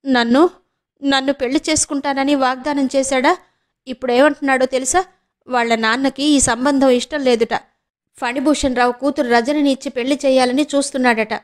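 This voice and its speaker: A woman's voice: high voice, pitched above the performer's own voice, close to an everyday voice. A woman voicing a distraught young woman, a heartbroken younger sister who pleads tearfully and stammers.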